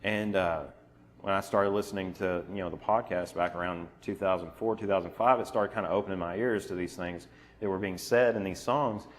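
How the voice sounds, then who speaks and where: A man preaching an informal sermon in a church, talking in halting bursts full of restarts and fillers. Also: low voice, steady tone.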